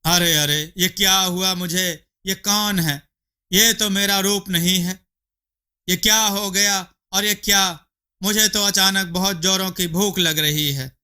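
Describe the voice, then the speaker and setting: Man doing a village wife, whiny, greedy, excitable, bright raised voice, storybook cartoon. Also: sits high, takes it slowly, clear, resonant tone, full character voice. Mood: panicked hungry. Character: lazy greedy village wife, middle-aged.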